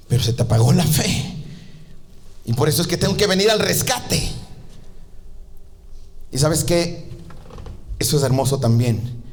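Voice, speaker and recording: A man preaching a sermon as pastor, telling the story lively and acting out the voices of the people in it. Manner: animated storytelling, acting out voices with big pitch jumps.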